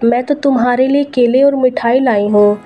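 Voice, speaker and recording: A woman's voice: sits high, normal speed, muffled recording, soft background music, close to an everyday voice. A woman voicing a fussing middle-aged aunt in a storybook reading, asking concerned questions.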